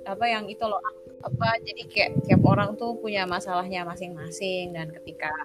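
Soft-spoken young Jakarta woman over loud music. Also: medium pitch, little pitch movement, brisk. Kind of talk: casual chat.

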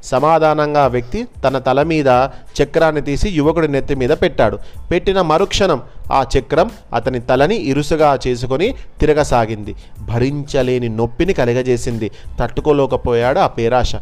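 A man narrating a folk tale in a measured, expressive telling. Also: mid-range voice. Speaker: storyteller. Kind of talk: storytelling narration. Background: faint background music.

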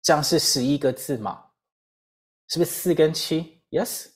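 A woman lecturing with a Taiwanese Mandarin accent, her voice sitting a little low. She teaches with animated energy, firing rhetorical questions and drilling phrases over and over. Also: normal speed. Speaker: English teacher. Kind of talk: lively lecture.

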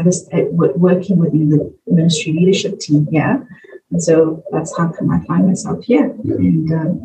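A woman's voice: lowish voice, warm tone. A middle-aged woman from South Africa answering conversationally as a podcast interview guest. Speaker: podcast guest, children's ministry worker. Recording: muffled distant mic, faint noise.

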